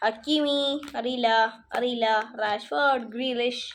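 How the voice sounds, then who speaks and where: A woman's voice: on the high side, steady tone, a little slow. Chatty woman reading card names. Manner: chatty, reads names off cards one by one. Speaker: vlogger showing her card collection. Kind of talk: casual show-and-tell vlog.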